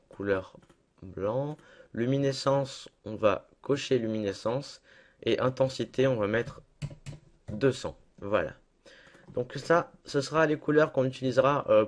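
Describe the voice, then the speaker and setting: Chatty young man giving a software tutorial. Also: mid-range voice. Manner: chatty, self-deprecating, lots of fillers. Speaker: tutorial maker. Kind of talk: casual screen-recorded software tutorial.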